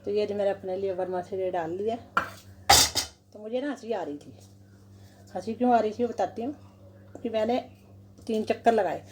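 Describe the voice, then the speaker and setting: A woman's voice: mid-range voice, normal speed, pauses often, heavy background noise. A middle-aged woman with a Delhi Hindi accent, chatting casually through her chores at home for her vlog, recorded on a phone in her kitchen and balcony. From India. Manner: chatty, describes chores step by step. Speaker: vlogger.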